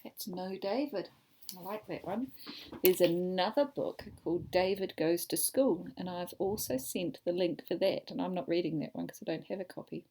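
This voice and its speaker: Here an ESOL teacher with a lowish voice reads a picture book to her students at an even pace. Between pages she asks them, in a warm way, what they see in the pictures.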